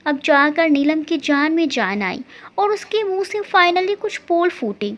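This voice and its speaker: A woman reading a family story aloud as its narrator, expressive and scripted. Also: high voice, measured pace. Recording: dull lo-fi recording.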